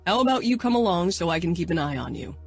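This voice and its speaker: A woman's voice: fairly low pitch, very animated, fast, slightly rough, faint music behind, heavily acted. Woman doing a curt, guarded young man. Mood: firm.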